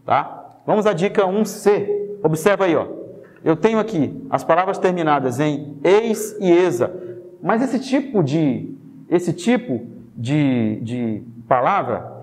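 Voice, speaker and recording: A Brazilian man with a slightly high voice teaches a spelling lesson in a lively, joking way. He keeps checking in with the class through quick tag questions. A long reverb trails each phrase. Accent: Brazilian Portuguese.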